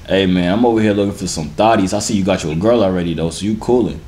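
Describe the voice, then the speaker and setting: A man in his early twenties with an American accent and a deep, booming voice, chatting in a laid-back, slangy, teasing way. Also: quick pace, darkish tone. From New York, United States. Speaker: vlogger hosting a random video-chat prank. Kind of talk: casual flirtatious chat. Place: garage-like home gym, indoors.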